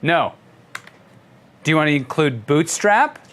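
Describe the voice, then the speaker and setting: A somewhat high-voiced older man leads a live coding lesson. He explains each step casually and chuckles along the way. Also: big pitch swings, a little slow, fairly bright tone. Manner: playful, chuckling while demonstrating. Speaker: instructor.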